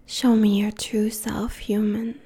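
A woman voicing a cruel, domineering immortal queen in a hushed, breathy whisper, slow and menacing. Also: medium pitch, little pitch movement. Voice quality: breathy whisper with gravelly fry. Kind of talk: whispered audio roleplay.

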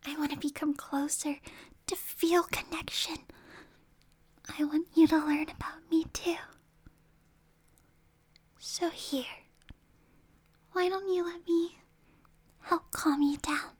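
A woman's voice: high voice, flat delivery, takes it slowly, long pauses. A woman playing a whispering possessive supernatural girl. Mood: coaxing, menacing. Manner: mostly whispered, coaxing, suddenly snapping. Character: possessive, unstable young supernatural girl captor. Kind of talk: ASMR roleplay.

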